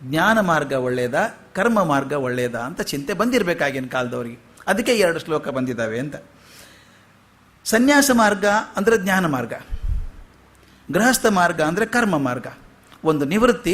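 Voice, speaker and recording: A man's voice: a little high, fairly bright tone. A man giving a philosophical discourse to an audience, with rhetorical questions and humorous asides. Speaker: spiritual lecturer.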